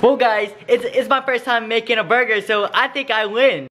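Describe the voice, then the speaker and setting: A man's voice: extremely high pitch, moderate pace, bright, forceful tone, soft background music. A young man hosting a casual cooking vlog in a home kitchen, joking and playful. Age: young adult. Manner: joking, playful, self-promoting. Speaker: vlogger host.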